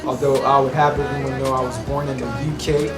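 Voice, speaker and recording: A man's voice: mid-range voice, level tone, a little fast. A musician giving an emphatic, preachy interview monologue, often asking if you know what he means. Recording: roomy echo with music behind.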